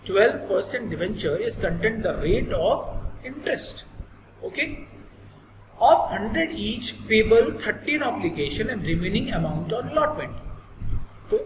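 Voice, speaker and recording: A lively, swooping male voice with an Indian accent from a native Hindi speaker gives a classroom explanation. He is instructive and repeats points to check they are understood. The room rings with long reverb, and there is clear noise behind him. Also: sits high, a little slow. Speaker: accountancy teacher.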